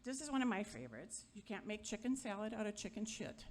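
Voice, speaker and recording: A middle-aged woman giving an informal memorial eulogy, chatty and wry, joking with the crowd and sometimes halting. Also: mid-range voice, very animated, darkish tone, a little hiss or hum. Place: gathering hall at a memorial.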